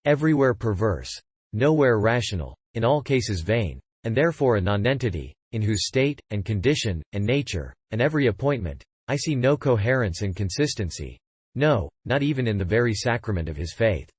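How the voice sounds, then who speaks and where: A man giving a measured, declamatory scripted reading. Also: on the low side, very animated, husky, no room sound. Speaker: reader.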